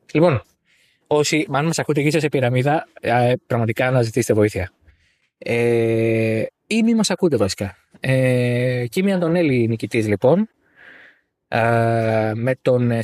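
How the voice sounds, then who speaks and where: A man's voice: medium pitch, a little mellow, no echo. A man co-hosting a casual podcast chat about motor racing, teasing and sarcastic. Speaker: podcast co-host.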